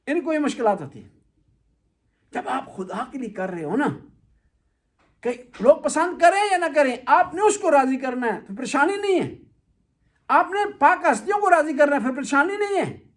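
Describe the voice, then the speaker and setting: A male Shia cleric giving a conversational religious talk, lecturing through anecdotes and rhetorical questions. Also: very high voice.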